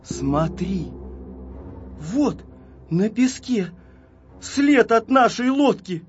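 A man's voice: sits high, sing-song, drawn-out words, over music, pitched above the performer's own voice, exaggerated voice. A man voicing a timid, tearful little boy shorty who whines and wails, on a slightly dull recording. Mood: whining. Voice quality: whiny, wailing.

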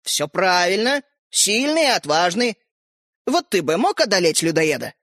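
A man's voice: high voice, big pitch swings, a bit bright, no room sound, clean studio sound, exaggerated voice. A man voicing a touchy, boastful tiny fairy-tale hero who lectures and takes offence easily, in a storybook reading. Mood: huffy. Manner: huffy, lecturing, quick to take offence.

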